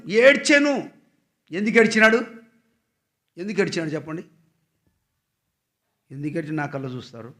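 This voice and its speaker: A man preaching a Sunday sermon, reading scripture slowly and questioning the congregation, swinging from loud emphatic passages to quiet asides. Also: high-pitched. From Andhra Pradesh, India.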